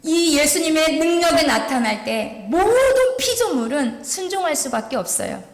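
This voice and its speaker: A woman's voice: high-pitched, big pitch swings, moderate pace. A woman evangelist preaching an emotional, pleading sermon in a church. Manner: emotional, pleading, earnest, with rising and falling intensity. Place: church sanctuary. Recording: echoey church hall with long reverb.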